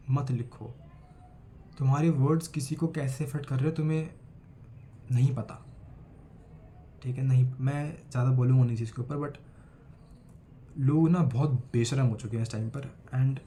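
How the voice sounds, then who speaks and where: In a casual vlog, an 18-year-old student with an Indian accent speaks earnestly to the camera as he recovers from a cold, moving between Hindi and English. He talks at a measured pace with long pauses in a mellow, mid-range voice, against slight background noise.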